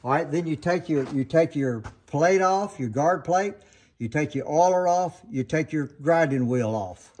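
This older man's voice is on the high side and darkish, animated yet measured in pace, as he hosts a casual sawmill sharpening how-to. He's folksy and rambling, often doubling back to correct himself, recorded handheld in an open barn workshop.

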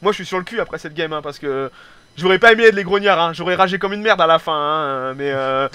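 A man casually commentating a strategy game replay, excitable, swearing freely and tagging his sentences with little filler words. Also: on the high side, fast talker, clean tone, no echo. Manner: excitable, swears casually, peppers speech with "hein"; hesitant restarts and repeated words.

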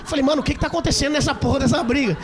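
A male stand-up comedian with a Brazilian accent, telling a story in a rowdy, swearing way and acting out scenes with sudden shouts. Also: extremely high pitch, racing, noisy background. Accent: Brazilian Portuguese. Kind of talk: stand-up routine. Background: audience laughter.

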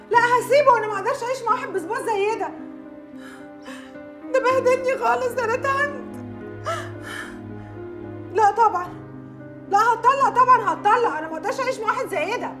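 A jealous Egyptian bride. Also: female voice, very high-pitched. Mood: tearful. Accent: Egyptian Arabic. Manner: quick, emotional, sharp-tongued. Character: jealous, hot-tempered young newlywed bride. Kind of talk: film drama acting. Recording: film soundtrack music behind.

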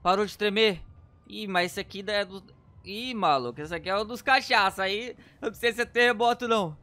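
A man with a Brazilian accent giving excitable gameplay commentary, often shouting and using slang. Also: high voice, fairly quick. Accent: Brazilian Portuguese. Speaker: gameplay youtuber.

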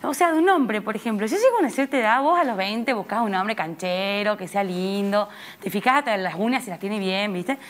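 A woman with an Argentine Spanish accent, a fashion designer chatting as a guest in a live TV studio, talkative and often laughing. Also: a little fast. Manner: chatty, laughs often, lively rises in pitch. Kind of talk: casual TV chat.

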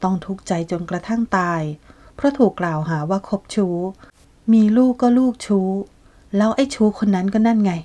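Brief: spiteful accusing woman, high and loud, storybook drama, read by a woman. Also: a little fast, natural voice. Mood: scornful. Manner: scornful, accusing.

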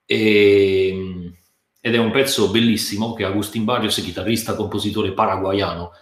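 A male guitar teacher chatting casually on a live stream from his sofa at home, halting and restarting his sentences, a little nervous. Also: lowish voice, fairly even intonation, reverberant.

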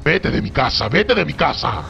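A man voicing a rude, cryptic male talking dog in a deep gravelly growl. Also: sing-song, normal speed. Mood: ominous. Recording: muffled with loud music behind.

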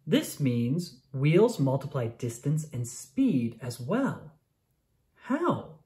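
Reading a children's science book aloud, the narrator uses a clear, expressive storytelling style aimed at young kids. The voice is medium in pitch and moves very slowly.

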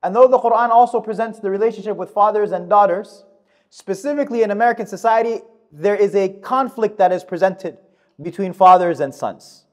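A man in his thirties delivering a Friday sermon in a mosque, speaking at a podium microphone in a measured, emphatic way. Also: sits high, a little mellow. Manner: measured, emphatic delivery with fast recited Arabic verses. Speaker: khutbah speaker. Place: mosque prayer hall, indoors. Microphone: gooseneck podium mic.

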